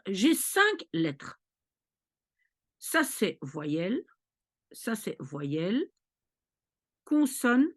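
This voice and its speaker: A woman tutoring maths, explaining patiently step by step and checking in often with her listeners. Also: mid-range voice. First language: Dutch. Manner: patient, repeats checks like "ok?" and "d'accord?". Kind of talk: explanatory lesson.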